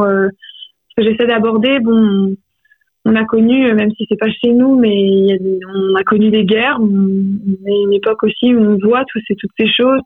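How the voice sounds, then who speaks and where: A woman's voice: a little high, slightly rough, no room sound. A woman author, heard over a landline phone line, talking reflectively about her poetry in a radio interview. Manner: reflective, searching for words. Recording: tinny, dry phone line.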